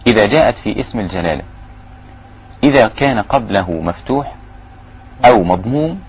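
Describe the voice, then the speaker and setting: Husky Egyptian man teaching recitation. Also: lowish voice, muffled recording. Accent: Egyptian Arabic. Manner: quick explanations broken by slow, drawn-out recited phrases. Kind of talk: recitation lesson.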